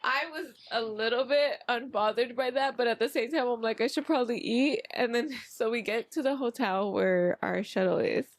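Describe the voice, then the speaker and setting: A young woman co-hosting a podcast, telling stories in casual, animated, slangy talk with swearing. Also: on the high side, normal speed, few pauses. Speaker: podcast co-host. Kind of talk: casual storytelling chat.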